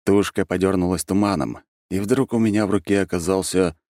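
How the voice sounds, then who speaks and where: A man narrating an audiobook in the first person, in an ironic, expressive storytelling manner. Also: sits low, a little fast, no room sound, studio quality.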